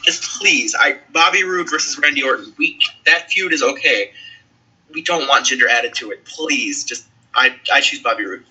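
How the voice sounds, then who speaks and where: A man co-hosting a casual wrestling chat, talking with a pleading, halting manner. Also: mid-range voice, pushed and bright, slightly rough, rough recording. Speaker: co-host.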